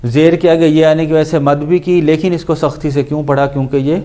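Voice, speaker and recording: A man teaching Quran recitation, patiently explaining and repeating syllables slowly to show how each letter sounds, with English words mixed in. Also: on the high side, level tone, dark tone. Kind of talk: explanatory lesson on pronunciation.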